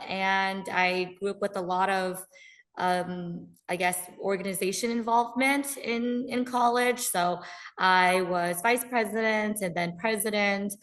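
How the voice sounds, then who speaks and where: An American woman appears as a podcast guest in a casual interview chat, upbeat and laughing often, filling gaps with ums. Her voice is mid-range with a fairly bright tone.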